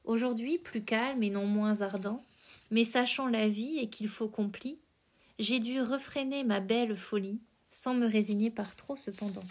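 A woman hosting a podcast, reading poetry aloud with careful, measured phrasing. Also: fairly high pitch, fairly even intonation. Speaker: podcast host.

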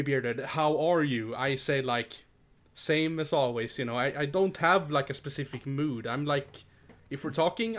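A man's voice: fairly high pitch, fairly bright tone. A man in casual podcast chat, talking in a rambling, hesitant way and laughing often. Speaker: podcast co-host.

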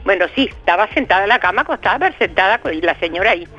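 An older woman with a Uruguayan accent calling in to a radio show, chatty and excited, laughing often and filling pauses. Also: mid-range voice, highs cut off, faint music behind. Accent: Uruguayan Spanish. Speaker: radio caller. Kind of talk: casual phone chat.

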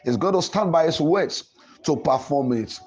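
Music plays under this man's fairly high, expressive voice as he preaches and prays at a moderate pace. He is a pastor hosting a programme, and his Pentecostal sermon is emphatic and declamatory, full of repeated phrasing. The tone is darkish and the recording sounds muffled.

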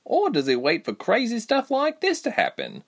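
A man's voice: very high-pitched, huge pitch swings, moderate pace, creaky, a bit bright, pitched above the performer's own voice, heavily acted. A man doing a wry young mermaid sidekick. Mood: wry, muttering. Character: sharp-tongued young mermaid friend, wry.

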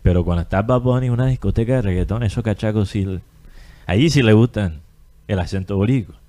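A man's voice: on the low side, fast, dark tone. A man with a Colombian Caribbean coast accent, co-hosting a casual opinion chat and arguing his point with rhetorical questions. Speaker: podcast co-host.

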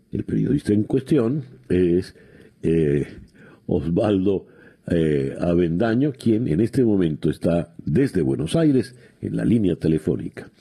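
A middle-aged man hosts a radio interview in a very deep, gravelly voice. His tone is dark and husky, and he speaks slowly. He explains things carefully, pausing with frequent hesitations. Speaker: radio host.

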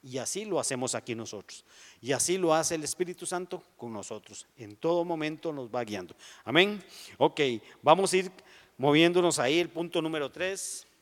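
Man, pastor, sermon, somewhat high voice, rhetorical questions, long church reverb. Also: normal speed. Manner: animated, rhetorical questions, dramatic tempo swings.

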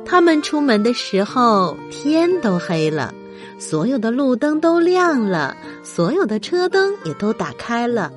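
A woman's voice: on the high side, unhurried, soft background music. A woman hosting a children's bedtime story show, narrating expressively as if speaking straight to young listeners. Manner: expressive, addresses children with questions.

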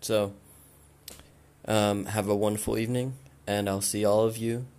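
A man hosting a podcast, giving blunt, casual advice and swearing freely, while he loses his voice and keeps clearing his throat. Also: fairly low pitch, flat delivery, moderate pace, darkish tone. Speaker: podcast host.

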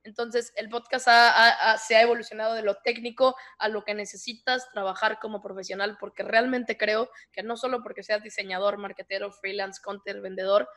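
A woman guest on a podcast interview, her voice at an everyday middle pitch. She talks in animated bursts, often restarting her phrases as she explains her ideas. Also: brisk, hardly any pauses. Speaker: podcast host and speaker, guest. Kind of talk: conversational interview.

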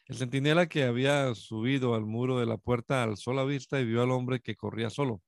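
A man reading scripture aloud at a steady pace, now and then restarting a word. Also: medium pitch, brisk, vocal fry, no room sound, clean studio sound. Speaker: Bible reader.

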